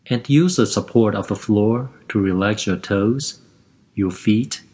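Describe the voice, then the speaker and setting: In a calm, even manner and a fairly low pitch, a man walks listeners through a lying-down relaxation and breathing routine. He gives gentle instructions one step at a time at a measured pace.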